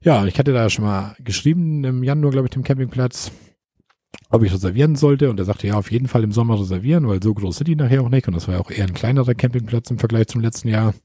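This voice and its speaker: Podcast co-host, man, rambling storyteller, dark voice, fast. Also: mid-range voice, breathy edge, dry recording, clean studio sound. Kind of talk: casual storytelling chat.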